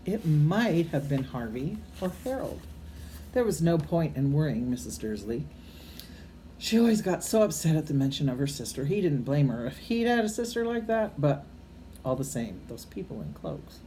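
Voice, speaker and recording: Speaking at a moderate pace in a deep voice, an older woman reads a children's storybook with grandmotherly warmth and a homely, rough-edged style. She's expressive, occasionally fumbles and corrects a word, and adds informal asides to the children. The amateur recording carries faint background noise.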